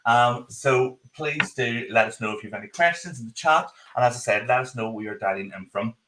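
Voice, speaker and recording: A man's voice: medium pitch, a little fast, bright, forceful tone. A man with a strong Northern Irish accent, hosting a live podcast in a casual, chatty style. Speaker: podcast host. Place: office. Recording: roomy echo on the voice.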